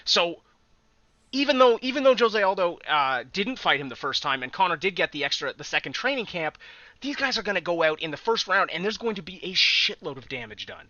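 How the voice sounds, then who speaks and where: A man co-hosting a casual sports podcast, talking in an animated rush and laughing easily. His voice is very bright and a little high. The recording is dry and slightly muffled. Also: dry recording. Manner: animated, swearing, quick laughs. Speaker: podcast co-host.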